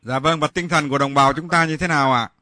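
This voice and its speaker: A man's voice: on the high side, fairly even intonation, fast, bright, forceful tone, a little hiss or hum. A man hosting a radio show, asking questions in a formal, polite way. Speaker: radio host. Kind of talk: radio phone interview.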